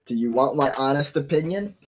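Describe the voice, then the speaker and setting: A man's voice: mid-range voice, lively intonation, brisk, slight background noise. A man playing a tabletop game, joking and speaking wryly in character. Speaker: player. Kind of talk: casual in-character banter.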